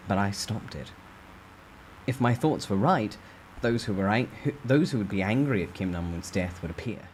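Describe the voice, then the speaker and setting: Narrating in the first person at a moderate pace, a fairly low-voiced man tells a story with dramatic, lively intonation. The recording is low quality, with faint ambient noise in the background.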